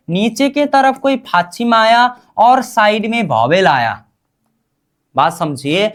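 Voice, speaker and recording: Woman language teacher, unhurried delivery, quizzes and answers herself, drills each word again and again. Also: mid-range voice. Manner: asks questions and answers them herself, repeats each term. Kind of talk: slow call-and-response lesson.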